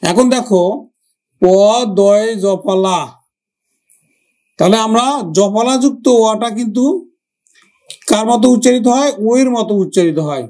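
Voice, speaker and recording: A man with a Bangladeshi Bengali accent teaching a grammar lesson for exam preparation, slowly repeating words and their pronunciations. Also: sits high, lively intonation, a little mellow. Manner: slow, drawn-out repetition of words.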